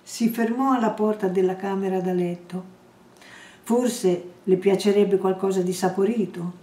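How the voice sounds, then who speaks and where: A woman reading a novel aloud in a measured, unhurried way, lingering on each phrase. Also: medium pitch, steady tone, mellow. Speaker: reader. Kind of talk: slow literary reading aloud. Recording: roomy echo, distant mic.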